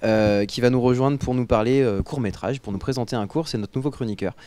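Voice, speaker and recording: A man's voice: medium pitch, a little fast, very noisy. A man with a French accent from France, hosting a casual talk show. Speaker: host.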